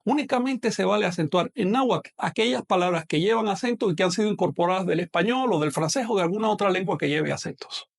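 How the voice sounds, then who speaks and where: A man teaches a language lesson online in a fairly high voice. His delivery is measured and patient, and he slows right down whenever he models a sound. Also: vocal fry. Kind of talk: online lecture.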